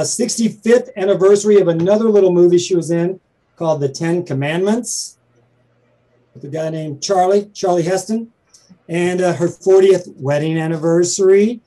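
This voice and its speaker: A man with a Southern accent hosting a talk show, high-energy and joking, rattling off excited introductions. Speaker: host and stand-up comedian.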